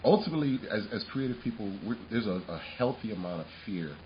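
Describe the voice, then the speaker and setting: Low-voiced man co-hosting a podcast. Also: fast talker, highs cut off, a little hiss or hum. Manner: animated, laughs often, restarts sentences. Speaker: podcast co-host. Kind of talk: casual chat.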